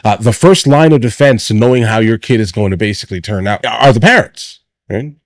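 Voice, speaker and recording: A man's voice: on the low side, brisk, dry recording, studio quality. A middle-aged man giving off-the-cuff opinionated commentary as a host, emphatic and repetitive, often tagging his points with short questions. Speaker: host of a reaction show.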